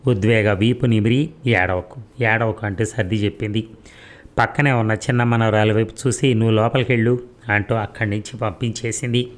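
A man narrating a serialized audio story in a calm, measured reading. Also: lowish voice.

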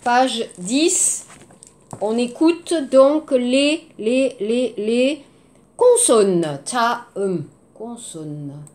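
Woman, French teacher, high lively voice, unhurried drilling, patient repetition. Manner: patient, repeats words slowly, mixes in Korean. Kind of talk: language lesson, drilling words.

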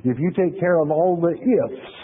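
A pastor with a husky, rather high voice gives a sermon lecture on scripture over tinny audio. His preaching is folksy and conversational, full of "okay?" check-ins, and he reads verses slowly before explaining them plainly.

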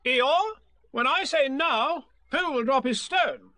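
Rabbit, a man playing a bossy high-voiced rabbit. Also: animated, slow pace, sharp tone, no echo, exaggerated voice. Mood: commanding. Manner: commanding and fussy. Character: bossy fussy male rabbit.

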